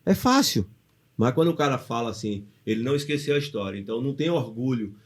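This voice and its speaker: Speaking fast in a mid-range voice, a man with a Brazilian Portuguese accent helps host a motivational podcast. His casual talk is full of animated stories and rhetorical questions.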